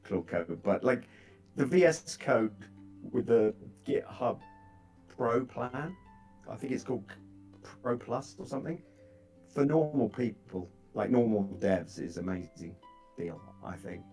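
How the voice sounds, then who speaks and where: A man in casual chat about his developer tools, animated and full of fillers and restarts, heard through a laptop microphone. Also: medium pitch, unhurried, soft background music. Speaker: software developer chatting on a call.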